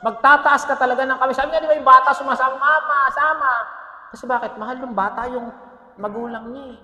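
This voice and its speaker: A male pastor preaching a lively sermon to his congregation. He jokes, mixes in English phrases and keeps asking "Amen?". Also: very high-pitched, quick pace. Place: church hall. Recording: echoey church hall with long reverb.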